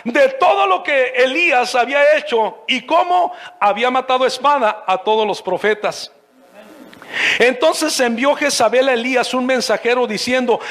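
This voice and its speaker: Male pastor, very high voice, fervent sermon delivery with shouted peaks. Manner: preaching with bursts of shouting.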